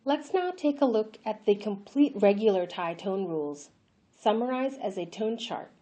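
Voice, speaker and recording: A woman giving a clear, listed summary in a scripted language lesson. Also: medium pitch, animated, normal speed, dark tone. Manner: clear, enumerating summary delivery. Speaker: language instructor. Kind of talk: scripted narration.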